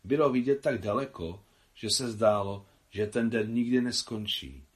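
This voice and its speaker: A man reads a novel aloud in a steady audiobook narration. His voice sits low, and he takes his time with frequent pauses. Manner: measured, unhurried reading with frequent pauses. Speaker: translator reading his own translation.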